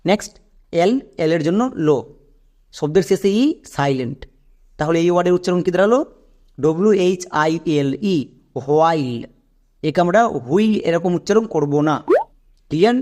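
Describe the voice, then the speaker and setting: A man teaching English pronunciation to Bengali speakers, spelling words out slowly letter by letter and often asking if it is clear. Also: high-pitched, dark tone. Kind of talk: Bengali spoken lesson on English phonics.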